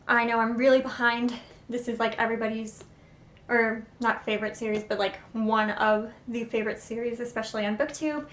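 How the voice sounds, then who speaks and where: Young female vlogger, chatty and self-deprecating, a bit high, recorded on camera mic in a roomy space. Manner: self-deprecating, unsure of pronunciations; chatty, excitable. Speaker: booktuber. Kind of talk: casual book haul vlog. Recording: echoey room.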